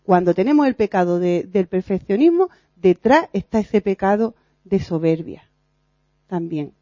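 A woman giving an informal sermon at a prayer meeting, earnest and animated, sometimes laughing at herself. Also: mid-range voice, normal speed, dry recording. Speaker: lay preacher in a prayer meeting. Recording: dull lo-fi recording.

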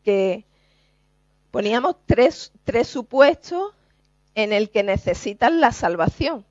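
Slow, earnest woman preacher. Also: fairly high pitch, lively intonation, dry recording, muffled recording. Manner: earnest, slow and emphatic, addresses the congregation directly. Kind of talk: sermon.

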